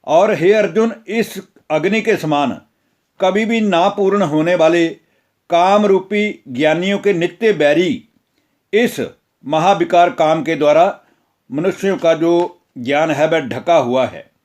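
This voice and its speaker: A man voicing a calm, solemn divine teacher who gives measured instruction in a scripture retelling. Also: on the high side. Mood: instructive.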